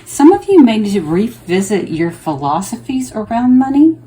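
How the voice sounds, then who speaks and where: A woman's voice: a little high, sing-song, moderate pace, dark tone, rough recording. A woman giving a casual, chatty tarot reading to her viewers, thinking aloud and checking in with them as she goes. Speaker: tarot reader.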